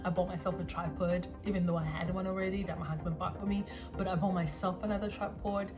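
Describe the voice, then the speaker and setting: A South African woman in her twenties introduces herself to the camera in a vlog recorded on a phone. Her voice sits on the low side, and she comes across as rambling and self-conscious, with plenty of ums and pauses.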